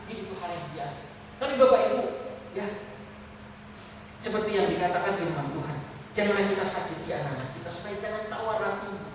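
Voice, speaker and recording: A man's voice: high-pitched, animated, quick pace, pauses often. A man preaching in a church service, telling a candid personal story and speaking directly to the congregation. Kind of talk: conversational testimony sermon. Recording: echoey hall from far off, faint hiss.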